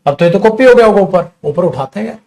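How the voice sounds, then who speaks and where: Man, teacher, classroom grammar lecture, animated, fond toward students, slightly high voice. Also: gravelly. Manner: animated, addresses students as beta, dramatic pauses.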